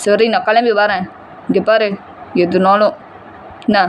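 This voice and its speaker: A woman's voice: mid-range voice, steady tone, a little slow, a little hiss or hum, lightly acted. A woman playing a furious short-tempered young man. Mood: angry. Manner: shouting, scolding, harsh.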